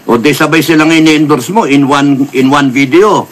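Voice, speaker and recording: A man's voice: on the high side, steady tone, normal speed. A man with a Filipino accent giving political commentary, lecturing and mixing in English phrases. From Philippines. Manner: lecturing, repeated apologies, mixes English phrases.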